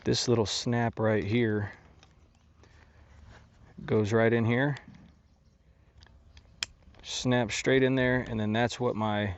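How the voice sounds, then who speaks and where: A man casually narrating his camping trip outdoors at a lakeside campsite, talking in a relaxed, rambling way with lots of fillers and restarts. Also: mid-range voice, slow, long pauses. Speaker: outdoor vlogger.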